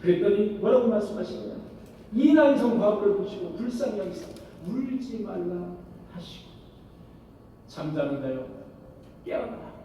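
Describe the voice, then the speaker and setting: Heard from far off in an echoey church hall, a pastor with a high, dark voice preaches in the sanctuary. He keeps asking his congregation questions, then supplies the answers. There's slight background noise.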